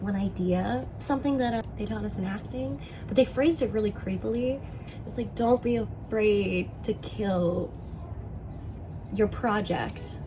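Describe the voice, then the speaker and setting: Young woman with vocal fry, chatting casually. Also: mid-range voice, background noise. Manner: informal, slangy, frequent "like". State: sore throat. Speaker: vlogger, musician and sketch writing student.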